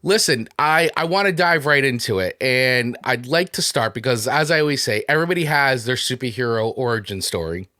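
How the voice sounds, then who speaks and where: A man's voice: medium pitch, expressive, brisk, few pauses, bright, forceful tone, no room sound, clean studio sound. A man with a New Jersey accent hosting a podcast interview, upbeat and enthusiastic as he promotes the show and greets his guest. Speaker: podcast host.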